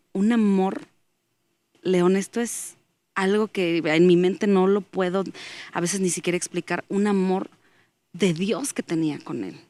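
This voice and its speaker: A woman's voice: medium pitch, warm tone, no room sound. A woman, a guest giving an earnest faith testimony as she tells a story and acts out the dialogue in it.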